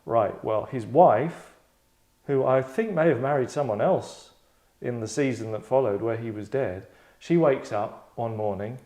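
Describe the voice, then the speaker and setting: A man in London, directing an actors' table read, speaks in a mellow, medium-pitched voice at a measured pace. He chats casually with the group, rambling in a sardonic, mock-dramatic fashion.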